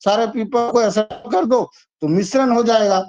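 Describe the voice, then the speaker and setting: An exam-prep teacher talks students through memory tricks in a chatty, repetitive way. His voice sits high and a little mellow at a moderate pace, captured in dull, lo-fi audio.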